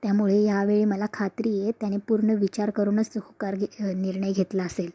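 A woman's voice: mid-range voice, flat delivery, a little fast, dark tone, natural voice. A woman voicing a confident older matriarch who takes charge of the family. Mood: pleased. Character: commanding elderly family matriarch.

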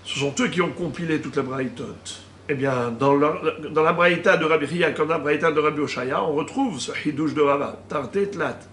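A man, a rabbi, teaching a Talmud lesson, slowly reading out Hebrew and Aramaic terms and explaining each one. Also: a little high, a bit bright. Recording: echoey room with faint ambient noise.

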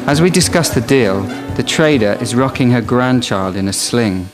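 A man's voice: mid-range voice, expressive, moderate pace. A man presenting and narrating a nature documentary in a scripted reporting style. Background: music under the narration.

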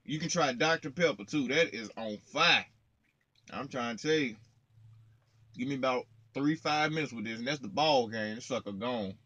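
A man's voice: mid-range voice, normal speed, pushed and bright, no echo, lo-fi sound. A young man in his twenties, a trucker vlogging in slangy, playful casual chat, talking straight to his viewers from his truck cab into a close phone camera. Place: parked truck cab, indoors, small.

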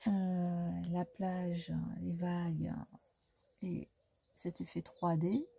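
A woman talking through a craft supply haul in a casual, hesitant way, pausing often on fillers and correcting herself. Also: on the low side, little pitch movement, gravelly, mellow, slight background noise. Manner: hesitant, full of "euh" fillers; self-correcting as she goes. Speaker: scrapbooking vlogger. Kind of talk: casual show-and-tell haul.

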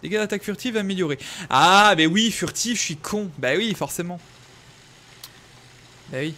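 A young man streaming a game live, chatting away as he sorts through his gear and answers his viewers. His voice sits a little high and swings up and down a lot as he talks, easy and casual throughout. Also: expressive, normal speed, bright, forceful tone. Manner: chatty, thinks aloud, talks to chat viewers. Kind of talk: casual live gameplay commentary.

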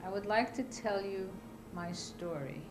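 An older Iraqi woman sits at a table in a small room, giving measured personal testimony about her life in an interview. She speaks calmly and deliberately at a medium pitch, pausing between phrases, with background noise in the recording.

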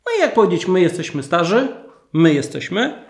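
A man teaching an English lesson to learners, asking the viewers questions and drawing out each model phrase slowly. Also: high voice, sing-song, roomy sound.

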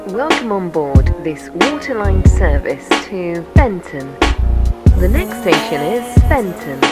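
A woman's voice: fairly low pitch, very animated, slow, loud music behind the voice. Woman's spliced-together train announcements. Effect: spliced-together recorded announcement words. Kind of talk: automated station announcements.

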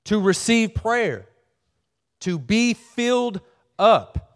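A man's voice: sits high, sing-song, extremely slow. A pastor preaching a sermon to his church, earnest and folksy, often repeating and restarting his phrases.

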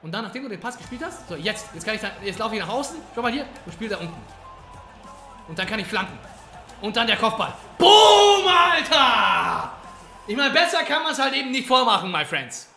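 A man's voice: very high voice, sing-song, quick pace, over music. A male streamer explaining a game move step by step to his viewers, in a cocky tone. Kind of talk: live gameplay tutorial. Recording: roomy echo, faint noise.

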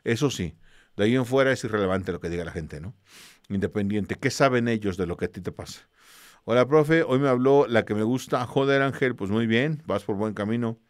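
A man's voice: on the low side, fairly quick, no echo, studio quality. A man with a Mexican accent, a teacher casually greeting students and reading their messages aloud in a slangy, easygoing way. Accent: Mexican Spanish.

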